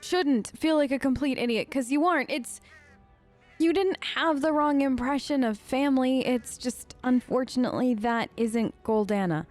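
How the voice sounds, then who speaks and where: A woman with a high voice plays a game as a let's player, improvising in character. She sounds conversational, gentle and reassuring, pausing as she searches for words, with faint music in the background.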